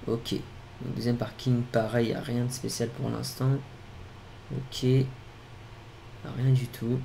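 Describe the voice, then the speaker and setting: A young man giving casual gameplay commentary, talking straight to his viewers and getting excited. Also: mid-range voice, slight background noise. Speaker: gaming YouTuber.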